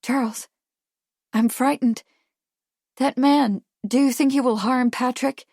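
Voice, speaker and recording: A woman's voice: high-pitched, fairly even intonation, takes it slowly, darkish tone, no echo, clean studio sound, voice pushed up, exaggerated voice. A woman narrator voicing an anxious, determined young Victorian woman, speaking earnestly and urgently.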